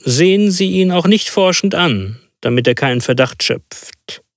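A man voicing a calm, precise detective in a storybook reading, giving instructions. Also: fairly high pitch, unhurried, dry recording, clean studio sound, voice pushed up. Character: calm, commanding male detective.

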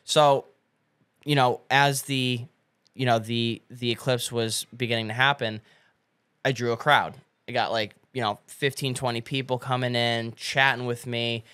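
A young man chats as a podcast guest, spinning an animated story. He acts out what people said and laughs often. His voice sits in a middle pitch, recorded dry and close with no room sound. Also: a little slow, clear, resonant tone, no echo. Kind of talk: casual storytelling chat.

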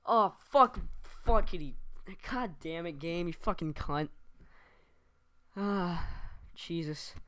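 A man's voice: fairly high pitch, expressive, takes it slowly, pauses often, bright, forceful tone, dry recording, clean studio sound, full character voice. A man playing a scared horror game streamer, overdramatic and foul-mouthed, with fake panic in a parody Let's Play. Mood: rattled. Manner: exaggerated screaming, heavy swearing, fake panic.

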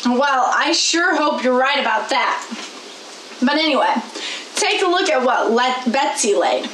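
A woman's voice: high voice, animated, measured pace, a bit bright. A young woman playing a folksy, exasperated farm girl who keeps chickens, in a church skit recorded in a small echoey room. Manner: exasperated, bewildered folksy delivery. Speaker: guest in a skit. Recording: echoey room with faint hiss.

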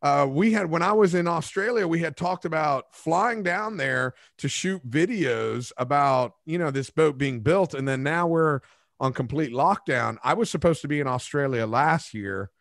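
A man's voice: fairly high pitch, expressive, moderate pace, vocal fry, fairly bright tone, dry recording. Dry-sounding man in his forties, rambling. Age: 40s. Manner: rambling, self-mocking storyteller with restarts. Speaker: podcast host. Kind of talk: casual interview chat. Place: home studio room. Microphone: studio microphone with headphones.

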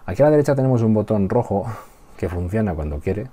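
Low dark-voiced Spanish teacher. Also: male voice, lively intonation, fast. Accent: Spain Spanish. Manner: patient, repeats and checks understanding. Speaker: English teacher. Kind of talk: recorded online class.

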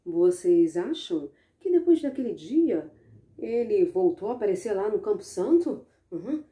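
Brazilian woman storyteller for kids, animated, lively pitch, mellow tone. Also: measured pace. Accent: Brazilian Portuguese. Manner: expressive, animated. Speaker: storyteller for children. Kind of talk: children's storytelling. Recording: echoey room.

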